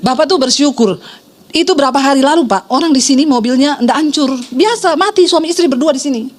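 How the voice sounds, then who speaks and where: A middle-aged woman pastor delivers a sermon at a quick pace in a high voice. She tells a story and slips vividly into the voices of the people she quotes.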